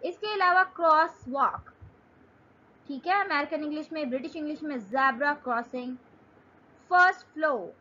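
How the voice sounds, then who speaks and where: A young Pakistani woman teaching English in an online lesson. She reads English definitions out slowly and then explains them in Urdu. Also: high voice, pushed and bright, lo-fi sound.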